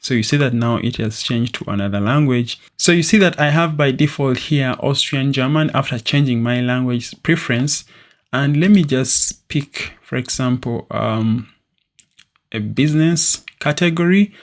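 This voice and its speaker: A young man hosts a screen-recorded software tutorial from a desk in a small room. His medium-pitched voice walks through the steps at a moderate pace, steady and explanatory, with the occasional filler.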